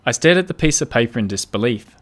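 A man narrating an audiobook in a measured, storytelling manner. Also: mid-range voice, lively intonation. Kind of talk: scripted narration. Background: faint piano music.

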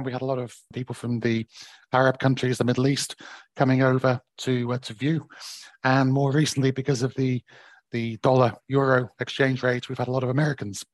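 A man with a croaky, hoarse, still-recovering voice, explaining things haltingly as a company director being interviewed. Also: mid-range voice, no room sound. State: voice recovering from bruised vocal cords. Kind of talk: conversational market update interview.

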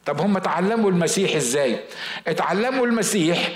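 A man's voice: high voice, lively intonation, fast, roomy sound. A man with an Egyptian Arabic accent, a pastor preaching a sermon with emphatic repeated phrases.

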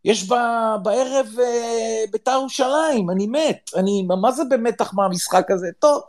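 A middle-aged man from Israel telling a story with drama, often urging his listeners to listen well. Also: very high voice. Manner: excitable, dramatic, swears, repeats "listen well". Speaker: podcast panelist. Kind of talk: animated storytelling.

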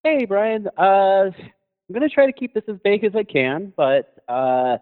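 A man's voice: sits high, lively intonation. Hesitant guy phoning in, thin tinny phone sound, keeps restarting his sentences. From Colorado. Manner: hesitant, halting, many fillers and restarts. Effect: heard over the phone. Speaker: caller to a talk show. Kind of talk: casual call-in chat.

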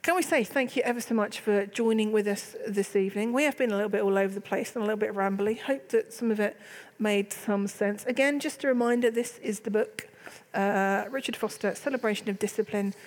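A woman's voice: mid-range voice, fairly even intonation, brisk, few pauses. Chatty woman hosting a faith talk. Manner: chatty, candid storytelling. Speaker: church leader and host. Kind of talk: casual faith discussion.

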